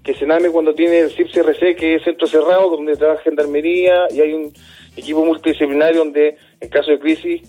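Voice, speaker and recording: Earnest man, husky mellow voice. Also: fairly high pitch, little pitch movement. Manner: earnest, halting, repeats words. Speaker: dismissed youth care worker, interviewee. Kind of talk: radio interview answers.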